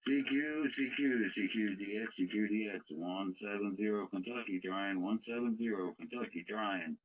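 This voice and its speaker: A man's voice: lowish voice, moderate pace. A man chatting as a CB radio operator, calling out CQ in a folksy way, heard over a lo-fi shortwave radio transmission. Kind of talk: casual on-air radio chat. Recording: muffled radio link audio.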